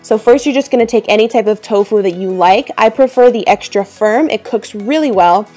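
A woman in her twenties, speaking at medium pitch, a little fast and a little mellow, chats casually to camera as an upbeat lifestyle vlogger full of ums and likes. It's a voice-over cooking tutorial with faint music behind. The camera frames her from the waist up in a bedroom with a clothes rack behind.

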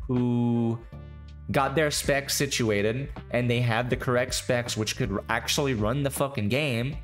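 A hungover man hosting a casual podcast chat, rambling and profane, slurring his words. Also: mid-range voice. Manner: rambling, profane, restarts often. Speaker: podcast host.

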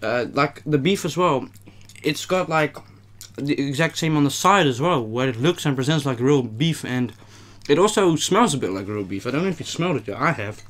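A man's voice: medium pitch, lively intonation, moderate pace, a bit bright. A young man with a mid-range voice chats in an attic room. He is casual and slangy as host, talking between bites in front of a camera across the table. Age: young adult. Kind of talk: casual mukbang chat. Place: small warm attic room, indoors.

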